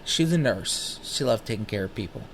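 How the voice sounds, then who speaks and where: A vlogger in his thirties smokes as he talks, spinning rambling personal stories in a casual, animated way and swearing freely. His voice is fairly low and normally paced, with a little hiss or hum.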